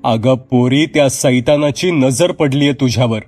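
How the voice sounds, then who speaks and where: A man's voice: mid-range voice, measured pace, a little mellow, faint music behind, close to an everyday voice. A man voicing an older village mother who speaks in a weary, tender way and breaks into alarmed cries. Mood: fearful.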